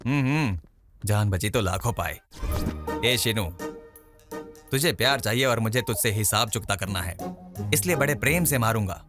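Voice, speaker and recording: A man voicing a scheming, smug holy man villain in a dubbed film, speaking in slow, mocking pronouncements. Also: fairly high pitch, lively intonation, over music, natural voice. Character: scheming middle-aged male godman, smug and vengeful. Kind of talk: Hindi film dub.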